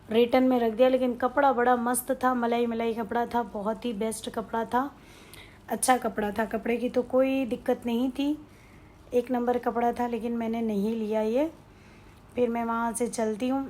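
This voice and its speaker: A high, mellow-toned woman talks through a casual vlog voice-over. Her throat is hoarse from a cold, and she rambles chattily, circling back to the same points again and again. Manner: chatty, rambling, repeats herself. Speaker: shopping vlogger.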